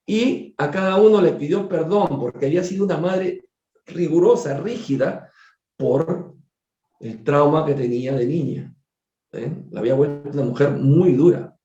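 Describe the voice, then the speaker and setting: A doctor telling a case story during a spiritist book study, conversational and digressive, repeating words and turning to his listeners with quick asides. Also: a little high, warm tone. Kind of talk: storytelling lecture. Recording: echoey room, dull lo-fi sound.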